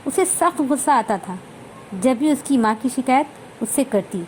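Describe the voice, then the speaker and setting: A woman narrates a story she wrote, reading in a measured and expressive manner. Her voice sits high, with a faint hiss of noise behind her. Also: low-quality recording.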